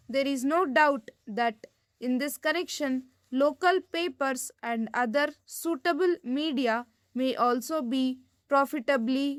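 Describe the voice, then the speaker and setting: A woman reading dictation for shorthand practice in deliberate, measured phrases with pauses between them. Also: sits high, dry recording.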